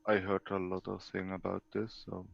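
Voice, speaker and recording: Low-voiced guy on voice chat, halting and unsure, kinda dull muffled audio. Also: completely flat delivery, creaky, dry recording. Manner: hesitant, halting, searches for words. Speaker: player being coached on a call. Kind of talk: casual voice chat.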